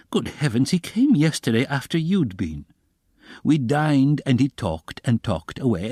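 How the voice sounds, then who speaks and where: A male narrator plays a wily middle-aged investigator in an audiobook, his mid-range, darkish, slightly rough voice raised above his own pitch. Recorded dry in studio quality, the character is fretful and solicitous, slyly mocking and given to theatrical, coaxing exclamations.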